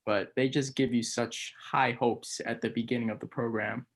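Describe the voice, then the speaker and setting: A young man in his twenties with a mid-range voice, chatting with a friend on a podcast. He talks in a measured way and slips in dry, wry jokes. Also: mid-range voice, steady tone. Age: 20s. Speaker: podcast guest. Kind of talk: casual chat.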